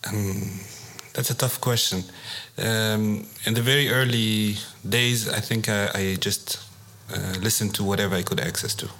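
Low-voiced Tunisian-born musician, hesitant. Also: male voice, fairly even intonation, measured pace, few pauses, bright, forceful tone. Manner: hesitant, many restarts and fillers. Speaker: musician guest. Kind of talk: casual interview chat.

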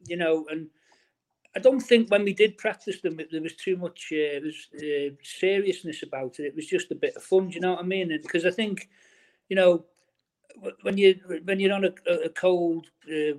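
A middle-aged man, a former footballer chatting in an interview, restarting his sentences often and filling with "you know". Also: fairly high pitch. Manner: chatty, many restarts and fillers. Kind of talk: casual interview, reminiscing.

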